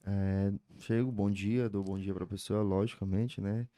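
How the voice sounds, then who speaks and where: Man, dry close sound, slow relaxed replies. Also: lowish voice, dry recording. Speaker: lesson guest. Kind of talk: casual answers in a lesson.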